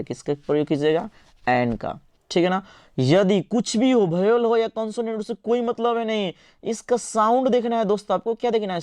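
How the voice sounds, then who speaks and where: A man teaching an English grammar lesson in Hindi, quizzing his students and answering his own questions in a coaxing, lively way. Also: sits high, clear, resonant tone, no echo. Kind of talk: online exam-prep lesson.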